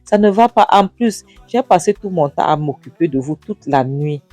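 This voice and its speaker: A narrator acting out an indignant husband who scolds his wife, raising the pitch and repeating "Hein?". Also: expressive, moderate pace, mellow, no room sound, faint music behind, natural voice.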